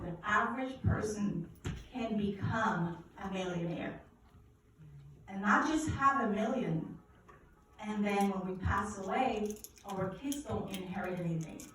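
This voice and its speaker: Here the Guyanese woman's voice sits in the middle range and she takes her time, still preaching enthusiastically about finances and drawing audience responses at a church event. A little hum or hiss is present, and the distant recording picks up the echo of the spacious church hall.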